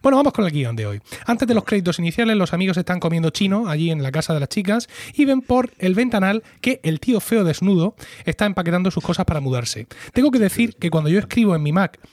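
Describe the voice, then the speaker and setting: A man's voice: high-pitched, very animated, quick pace, few pauses, darkish tone, dry recording, clean studio sound. A middle-aged man hosting a podcast, recapping a sitcom episode in casual chat and wryly acting out the lines he quotes. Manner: chatty, wry, acts out quoted lines. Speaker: podcast host.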